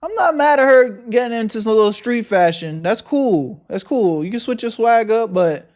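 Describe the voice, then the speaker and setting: Here a streamer with a high-pitched, darkish voice and lively intonation chats at a moderate pace during a casual live reaction. Using loose slang over his headset mic, he answers the video directly and says hello to his chat.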